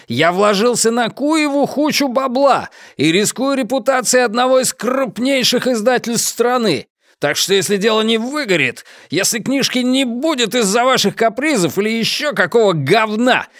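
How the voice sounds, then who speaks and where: A foul-mouthed, bullying publisher, voiced by a male reader in a storybook, raised in pitch and pushing hard as he swears and threatens. The reading is close and dry. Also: lively intonation, normal speed, fairly bright tone, dry recording. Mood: furious. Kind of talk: audiobook character voice.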